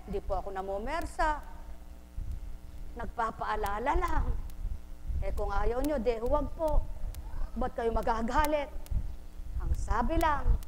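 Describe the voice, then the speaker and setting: A woman preaching a sermon, asking her congregation rhetorical questions and acting out everyday gossip to make her points. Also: on the high side. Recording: live stream with long hall reverb and faint noise.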